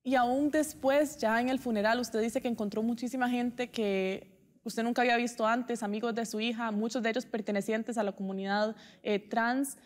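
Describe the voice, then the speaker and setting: A woman interviewing a guest on a television show, soft and measured with small hesitations. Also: fairly high pitch, steady tone. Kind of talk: interview question.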